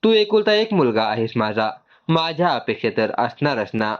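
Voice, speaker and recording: A man's voice: medium pitch, sing-song, moderate pace, highs cut off, close to an everyday voice. A man voicing a teasing, loving mother. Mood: affectionate. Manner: affectionate, teasing. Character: warm teasing middle-aged mother, woman.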